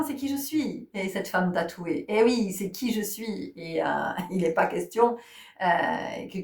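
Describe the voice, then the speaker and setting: A woman in a casual vlog who tells stories in a chatty way, with many fillers and restarts. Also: medium pitch. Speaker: spiritual guide and vlogger. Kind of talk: casual chat. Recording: roomy sound from a distant mic.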